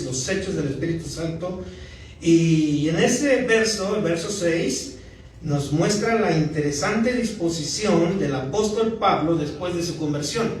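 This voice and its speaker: A pastor giving a conversational sermon, often checking in with the congregation. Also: male voice, high voice, a little hiss or hum. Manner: conversational preaching, often asking the congregation "¿verdad?". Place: church sanctuary. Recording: echoey church hall from far off.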